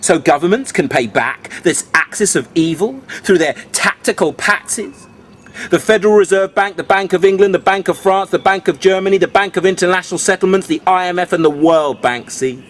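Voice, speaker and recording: A man performing rhyming beat poetry in a cool beatnik manner, with dramatic, drawn-out phrasing, speaking to the listener like a conspiratorial mentor. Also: sits high, slight background noise. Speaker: spoken-word poet.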